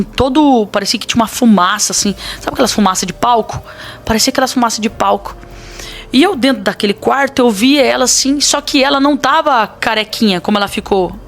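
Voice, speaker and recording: A woman pastor with a Brazilian accent, telling a personal testimony in a podcast interview in an earnest, dramatic way. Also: fairly high pitch. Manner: earnest, dramatic storytelling with quoted dialogue.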